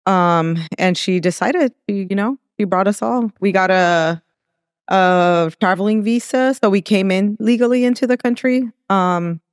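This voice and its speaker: Soft-spoken, hesitant man, smooth clear voice. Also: high-pitched, no echo, studio quality. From born in Mexico, raised in California. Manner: soft-spoken, hesitant, reflective, frequent pauses. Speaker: guest, restaurant entrepreneur. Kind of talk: casual interview conversation.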